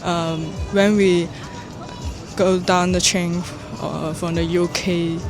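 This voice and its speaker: Hesitant Chinese-accented man, slow. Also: high voice, flat delivery, over music. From China. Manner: hesitant, searching for words, many fillers. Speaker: international student interviewee. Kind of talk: street interview answers. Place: outdoors on a city street.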